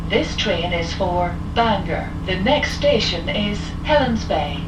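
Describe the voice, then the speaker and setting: Woman, chime then announcement, formal train loudspeaker voice, distant, echoey carriage. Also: medium pitch, expressive, over loud music. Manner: measured, formal, evenly paced. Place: inside a moving train carriage.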